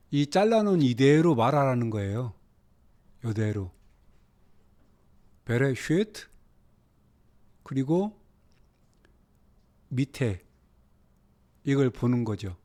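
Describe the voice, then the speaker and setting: Lively, slow-paced male Bible teacher. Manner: swings between hushed low phrases and raised urgent exhortation; slow, drawn-out reading of Hebrew words. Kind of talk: spoken Bible lesson.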